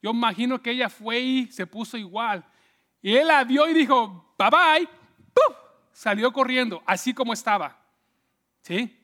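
A man's voice: very high voice, moderate pace, fairly bright tone. A man preaching a sermon conversationally, checking in with "¿sí?" and acting out the people he quotes. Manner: conversational, asks "¿sí?" often, acts out quotes. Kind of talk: sermon storytelling.

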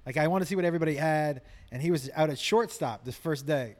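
A man's voice: on the high side, fast talker. A man who works as a comedian, telling stories in casual chat, swearing freely and laughing through his punchlines. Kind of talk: casual podcast chat, storytelling.

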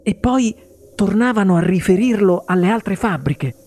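Reader's take on a curious little boy, lifted higher, lively questioning tone. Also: normal speed, lightly acted. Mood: hesitant eager. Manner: eager, questioning. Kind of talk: audiobook character voice.

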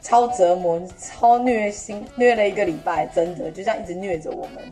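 A young woman with a Taiwanese Mandarin accent telling a story on a podcast, animated and laughing, acting out an old customer's lines in Taiwanese. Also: mid-range voice, a little fast, music in the background. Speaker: podcast host. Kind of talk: casual chat, storytelling.

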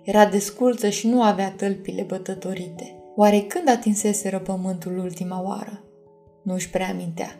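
A woman narrating a fantasy audiobook in a calm, measured reading. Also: mid-range voice, soft background music. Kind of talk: scripted storybook narration.

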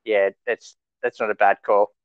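A man's voice: fairly low pitch, little pitch movement, normal speed, smooth, no echo. An Australian man co-hosting a sports podcast in casual, matey conversation, recorded on slightly dull lo-fi audio. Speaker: fantasy rugby league podcast co-host.

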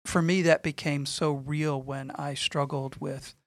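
Earnest gravelly middle-aged man. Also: a little high, level tone, dry recording. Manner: earnest, measured, repeats phrases for emphasis. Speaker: guest speaking on faith and suffering. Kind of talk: conversational testimony.

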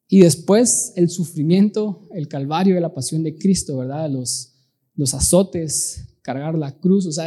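A man delivering a sermon with a very dark, mellow tone and a husky grain in his voice. He speaks earnestly and with emphasis, often checking in with his listeners through rhetorical questions. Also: on the high side. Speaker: preacher.

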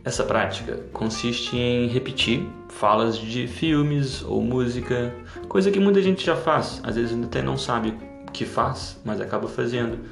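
Gravelly-voiced man teaching a language podcast. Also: mid-range voice, unhurried, roomy sound, music in the background. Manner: explanatory, addresses learners directly. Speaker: podcast host and English teacher.

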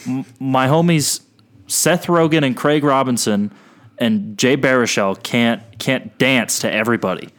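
A Midwestern man co-hosting a podcast, tossing in sarcastic jokes and swearing freely. His voice sits at a plain, middle pitch in an easygoing chat. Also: measured pace, fairly bright tone. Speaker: podcast co-host.

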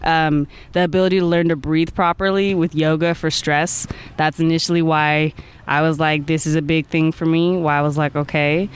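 With a clear, resonant, mid-range voice and flat delivery, this twenty-something guest talks at a moderate pace in a casual podcast interview. They ramble, laugh a lot, and lean heavily on "like" and "I feel like."

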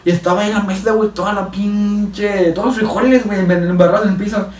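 A man's voice: sits high, fairly even intonation, fast, darkish tone. A young man from Mexico with a Mexican Spanish accent, telling stories in a casual, slangy way and laughing often. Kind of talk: casual chat. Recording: echoey room, mic at a distance.

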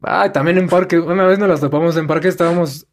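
A man's voice: fairly high pitch, steady tone, quick pace. A young man with a Mexican Spanish accent telling stories in a casual chat and animatedly mimicking other people.

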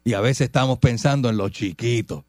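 A middle-aged man hosts a radio talk show in a Puerto Rican accent. He talks in a chatty, emphatic way, firing off rhetorical questions at a mid pitch. His voice is recorded dry and close, with no room sound. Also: brisk, darkish tone, no room sound. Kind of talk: casual radio banter.

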